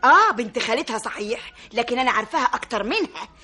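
A woman's voice: fairly high pitch, big pitch swings, fast talker, pushed and bright, husky, heavily acted. An actress playing a chatty, meddling middle-aged Egyptian mother in an old radio play. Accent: Egyptian Arabic. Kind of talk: 1960s Egyptian radio drama acting.

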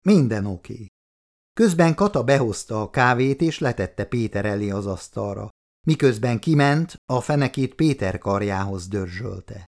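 A male audiobook narrator with a gravelly, rough-edged voice at an ordinary pitch. He reads steadily and matter-of-factly. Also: expressive.

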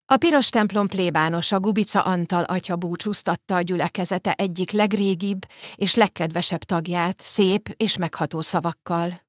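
A woman reads a novel aloud in a calm, measured way. Her voice sits fairly low, and the recording is dry and close, with no room sound. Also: dry recording. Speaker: audiobook narrator. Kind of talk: scripted narration.

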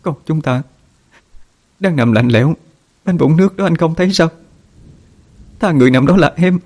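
A man's voice: on the high side, animated, normal speed, a little mellow, voice pushed up. A man voicing a grief-stricken young mother who wails and pleads while sobbing. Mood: wailing grief. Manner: wailing, pleading.

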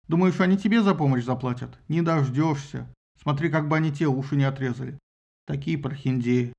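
A man's voice: a little high, creaky, a little mellow, lo-fi sound. A man voicing an old, grumbling male sea god in an audiobook, dragging and muttering. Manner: nostalgic then flustered grumbling.

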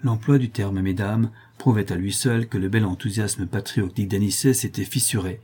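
A man reading a historical novel aloud in measured storytelling narration. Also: lowish voice, steady tone, warm tone, slightly rough. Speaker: audiobook reader.

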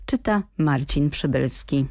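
A woman's voice: low voice, expressive, takes it slowly, a little mellow, dry recording. A woman presenting a radio programme, delivering scripted announcements in a polished, formal way. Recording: dry studio.

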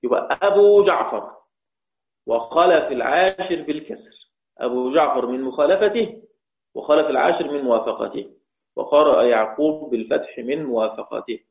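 Egyptian male teacher, repeats phrases, chants verses slowly, echoey, tinny phone-like sound. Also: on the high side, animated. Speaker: Quran recitation teacher. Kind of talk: religious lesson explaining readings.

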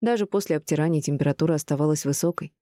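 A woman narrating an audiobook in steady, scripted storytelling. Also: deep voice, rapid-fire, dry recording.

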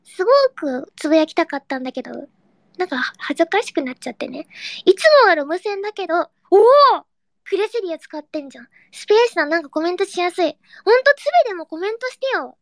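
A young woman hosting a casual live audio chat, reading listener comments in a cutesy, excitable way and breaking into squeals and giggles. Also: very high voice, quick pace, no room sound, studio quality. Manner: cutesy, baby-talk endings.

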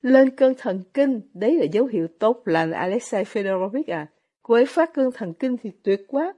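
A woman's voice: fairly high pitch, moderate pace. A woman voicing an effusive, fussy middle-aged mother in a storybook reading. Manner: gushing, excitable.

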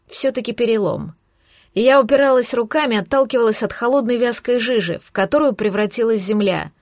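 A woman with a fairly high voice reads a novel aloud in the first person. Her narration is steady and expressive. The recording is dry and close, with no room sound. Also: no room sound. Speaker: audiobook narrator.

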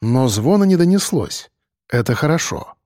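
A man narrates a first-person story with steady, tense delivery. His voice sits a little high. The recording is dry and close, with no room sound. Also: moderate pace, dry recording. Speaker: audiobook narrator.

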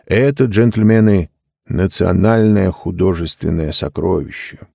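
A man voicing a gentle, cunning old male lord who talks in a mild, measured, persuasive way. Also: low-pitched, gravelly, husky, no echo, clean studio sound, exaggerated voice.

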